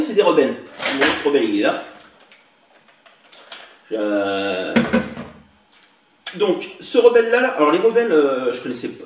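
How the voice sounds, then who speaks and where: A man casually showing off toy blasters he bought, chatty and hesitant with many fillers, recorded indoors on a camera mic. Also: fairly high pitch. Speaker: toy collector vlogger. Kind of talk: casual show-and-tell demo. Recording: echoey room, distant mic, faint hiss.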